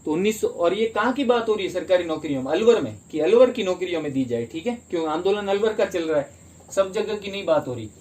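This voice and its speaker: A man's voice: high voice, lively intonation, quick pace, a little mellow. A man teaching a history lesson for exam prep in Hindi, explaining step by step and asking and answering his own questions.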